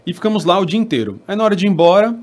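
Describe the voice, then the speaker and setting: A man's voice: sits high, big pitch swings, rapid-fire, darkish tone. A Brazilian man hosting a podcast, telling stories in a thoughtful way with many restarts. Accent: Brazilian Portuguese. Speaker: podcast host. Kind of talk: casual chat.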